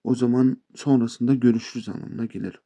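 A man's voice: medium pitch, fairly even intonation, fast talker, dark tone. A man teaching a casual spoken language lesson, chatting to viewers as friends with playful asides. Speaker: English teacher.

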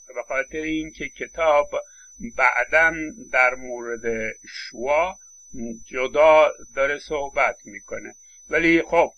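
A man's voice: mid-range voice, pushed and bright, low-quality recording. A man giving a university phonetics lecture, explaining step by step with frequent hesitation fillers and modeling vowel sounds aloud.

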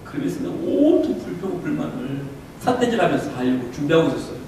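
Middle-aged male pastor, high lively voice, preaching from afar in a roomy church hall with faint hiss. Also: quick pace, far from the mic. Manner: swings from low confiding tones to loud impassioned preaching; asks the congregation rhetorical questions. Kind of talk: revival sermon with personal testimony. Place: church sanctuary.

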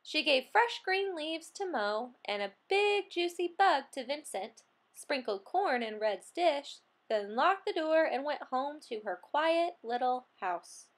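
A woman reading a children's picture book aloud in a high, bright-toned voice. She goes slowly and swoops up and down in pitch, playing up every line and the animal noises. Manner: expressive, acts out animal sounds. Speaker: storybook reader.

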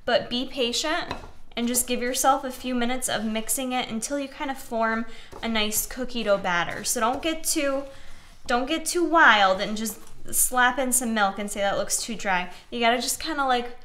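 A young woman hosts a casual cooking show in her home kitchen, chatting and encouraging viewers while she mixes and cuts. Her voice is on the high side and sharp, at a moderate pace, with slight background noise.

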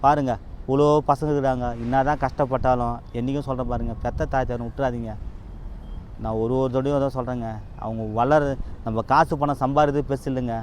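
A man talks fast and earnestly at a middle pitch, pleading with his viewers and saying the same points over and over. He is a used car dealer speaking outdoors in a town, with faint street and vehicle sounds behind him. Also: darkish tone, a little hiss or hum. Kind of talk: emotional direct-to-camera appeal.

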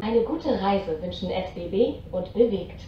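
A woman's voice: lively intonation, measured pace, far from the mic. A woman giving a polite, formal travel greeting over a train intercom. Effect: heard over a train intercom speaker. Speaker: train announcer. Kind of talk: recorded farewell announcement. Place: inside a moving train. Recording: echoey tinny train speaker from afar, rumble.

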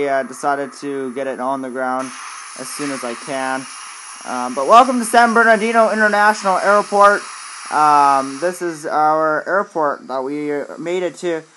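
A man's voice: fairly high pitch, a bit bright, low-quality recording. A man chatting informally to his viewers as he gives casual commentary on a flight simulator game. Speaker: video host, flight simulator player.

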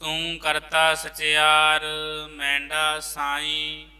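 A man teaching scripture recitation, singing the verses slowly and then quickly explaining how to pronounce them in a lower voice. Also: monotone, pushed and bright, clear, resonant tone, faint music behind. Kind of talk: chanted scripture recitation lesson. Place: large temple hall. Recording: long reverb of a large hall.

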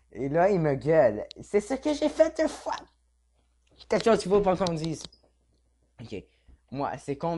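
A man's voice: mid-range voice, a little mellow. A young man with a Quebec French accent casually reads a chat log aloud as a gaming vlogger, mumbling and swearing offhand.

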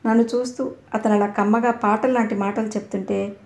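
A woman's voice: mid-range voice, steady tone, a little fast, a little mellow, roomy sound, close to an everyday voice. A woman voicing a naive, innocent teenage girl in an audio novel, talking earnestly.

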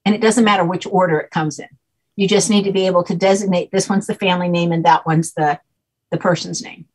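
A woman's voice: on the low side, fairly even intonation, fast talker, a little mellow, slightly rough, low-quality recording. An older woman, a guest, explaining her subject at length in a patient, teacherly way, often checking in with "okay?", speaking over a video call from home. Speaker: guest name expert. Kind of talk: explanatory interview talk.

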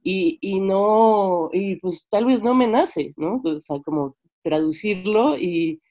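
Her voice is mid-range and dark, slow but lively in intonation, and the recording sounds muffled. She's a young French-Mexican woman from Mexico, a filmmaker and seminar participant, sharing hesitantly in an online discussion with a Mexican accent and frequent tag questions. She speaks from her bedroom through a computer microphone on a video call.

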